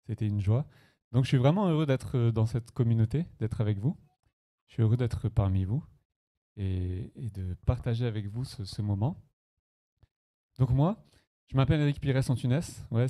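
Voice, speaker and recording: Male pastor, from France, very mellow dark tone, relaxed storytelling sermon, church hall. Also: medium pitch. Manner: conversational, warm personal storytelling with light laughs. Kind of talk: sermon testimony.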